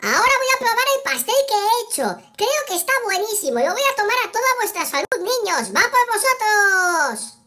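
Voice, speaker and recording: A performer voicing an excitable little male cartoon kitten chef, exclamatory and childlike, presenting a game to young viewers. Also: very high-pitched, moderate pace, heavily acted. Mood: delighted. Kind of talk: children's video game showcase, acted narration.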